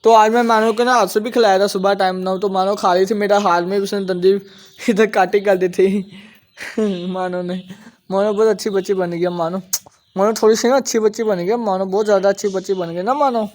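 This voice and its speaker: High-voiced man chatting to his pets. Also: steady tone, a little fast. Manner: chatty, fondly scolds his birds as they eat. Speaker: pet-keeping vlogger. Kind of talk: casual vlog narration while feeding pets. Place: outdoors at his pet cages, on the rooftop.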